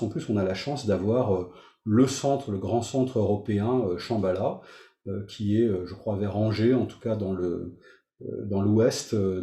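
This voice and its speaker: A man's voice: lowish voice, mellow. A man teaching meditation, talking informally to his group in front of a camera, hesitant with many fillers and restarts. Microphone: facing a camera. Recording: roomy echo.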